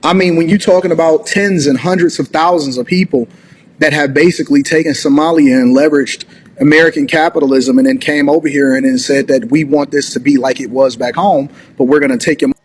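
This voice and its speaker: A man's voice: a little high, fairly even intonation, a little fast, slight background noise. A man hosting a reaction commentary, talking in long rambling sentences full of "you know". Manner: rambling, filler-heavy, argumentative. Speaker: commentary host.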